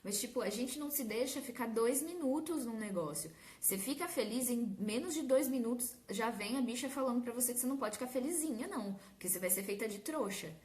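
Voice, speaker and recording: A young adult woman from Brazil giving a casual, animated talk to an audience, often acting out her own inner critic. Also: on the high side, quick pace, hardly any pauses. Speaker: course host.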